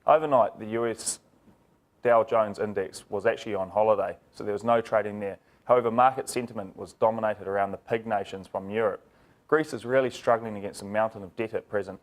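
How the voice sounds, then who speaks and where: A man presents a scripted financial market report like a news anchor, in a formal, measured and informative way. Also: on the low side, fairly even intonation.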